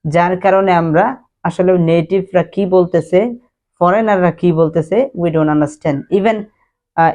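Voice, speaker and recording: A woman teaching English pronunciation to Bengali speakers, drilling words slowly, one after another, and switching between Bengali and English. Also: on the low side, dark tone. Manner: slow drilling repetition of words; mixes Bengali with English phrases. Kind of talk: spoken English lesson.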